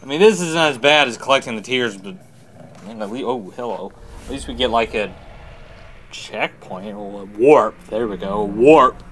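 A man's voice: medium pitch, normal speed, fairly bright tone, slight background noise. A man giving casual, jokey commentary on a game he is playing for the first time, grumbling and humming along. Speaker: gameplay commentator. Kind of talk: casual let's-play commentary.

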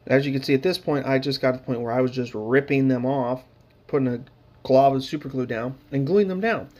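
A man's voice: mid-range voice, brisk, warm tone. A man casually narrating his hobby painting footage, rambling with lots of fillers and dry, sarcastic humor.

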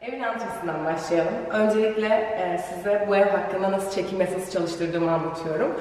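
A woman's voice: fairly even intonation, normal speed, a little mellow, distant mic. A young woman vlogger chatting casually through a home tour, her voice ringing with a heavy cave-like echo from the bare rooms. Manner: chatty, talks while walking through rooms. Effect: heavy cave-like echo of an empty house. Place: large empty apartment indoors. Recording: booming echo in a bare house, from off-mic.

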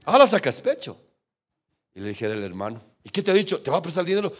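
A man preaching from the pulpit of a church. His voice sits a touch high and swings widely in pitch as he tells a story. He keeps addressing the congregation as brother. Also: fast. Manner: animated storytelling, often calling the congregation brother. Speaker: pastor. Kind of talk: sermon.

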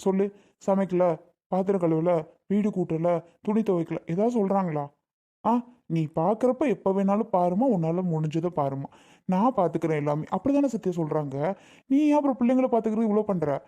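A woman's voice: mid-range voice, animated, fairly quick, mellow, lightly acted. A woman voicing a young husband who lectures and reasons with his wife, repeating her name, in a family comedy skit. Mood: lecturing.

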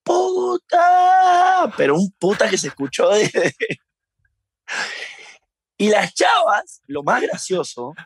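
A husky Uruguayan man with a fairly high voice recounts his stories in a casual interview. He is animated, laughs often and acts out his shouts, and the recording is dry and close. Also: no room sound. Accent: Uruguayan Spanish. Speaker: interview guest.

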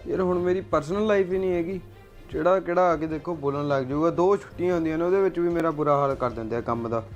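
A man acting as a sulky young Punjabi son, talking back in a high, quick voice. Faint music plays underneath. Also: highs cut off, close to an everyday voice. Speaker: grown son.

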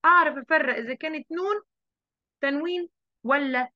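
A woman voicing an impatient schoolboy who pushes his teacher with fast, insistent questions. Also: high-pitched, highs cut off, natural voice.

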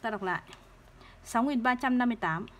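A woman teaching third-grade math, explaining place values slowly and patiently and repeating each number. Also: a little high, fairly bright tone. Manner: slow, patient, repeats numbers to drill them.

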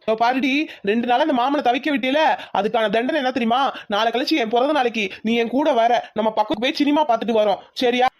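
Cartoon casting: a woman playing a devoted young village lover, high-voiced and fast, coaxing. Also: lightly acted. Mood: pleading. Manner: coaxing and pleading, affectionate. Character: lovesick young village man, devoted and pleading. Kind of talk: cartoon voice acting.

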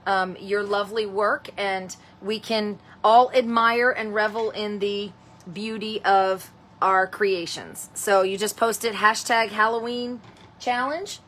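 A woman's voice: medium pitch, steady tone, slow, fairly bright tone. A woman hosting a live stamping tutorial, chatting with viewers, greeting them by name and calling them honey and sweetheart. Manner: rambling, with many ums and restarts. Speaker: host of a live craft stamping show.

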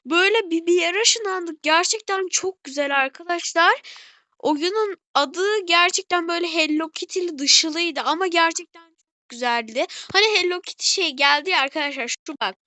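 A high, bright female voice giving casual gameplay commentary, heard dry and close with no room around it. She is excitable, keeps turning to her viewers, and gushes over every little detail she finds. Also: moderate pace, no room sound. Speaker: gaming channel host.

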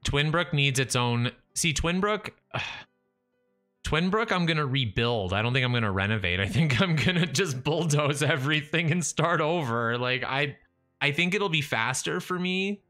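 A young man livestreams a building game from a small room at home, chatting to himself and his chat through a studio mic in front of his face. His voice sits on the high side and sounds sharp, moving at a normal speed over soft background music. He restarts and trails off as he talks casually while building, and says his voice is going.

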